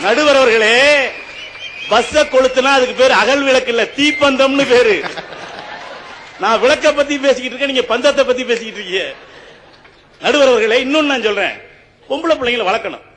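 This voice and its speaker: Very high-voiced man, comic stage debater. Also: brisk, long pauses, fairly bright tone, in a large hall, a little hiss or hum. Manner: humorous, rhetorical, often addresses the judge.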